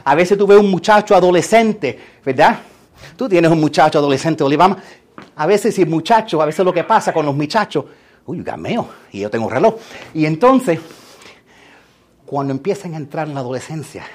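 A middle-aged man, preaching a lively sermon and acting out quotes, sometimes shouting. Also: a little high. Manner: animated, acts out quotes and shouts for emphasis. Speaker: pastor.

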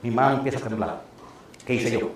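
A man preaching as pastor, telling a personal story in an animated way and laughing often. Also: medium pitch, fairly quick, very echoey, slight background noise. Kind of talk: sermon testimony. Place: church sanctuary.

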